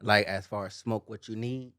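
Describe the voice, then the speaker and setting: A man's voice: on the low side, steady tone, moderate pace, pushed and bright, no room sound, studio quality. A man co-hosting a podcast, talking casually in slang and often checking in with "you know what I'm saying". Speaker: podcast co-host.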